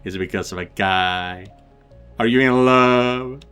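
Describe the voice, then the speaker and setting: A man's voice: mid-range voice, measured pace, fairly bright tone, clean tone, soft background music, natural voice. A man doing a teasing older sister. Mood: nosy. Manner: playful, wheedling, nosy. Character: teasing affectionate older sister, young woman.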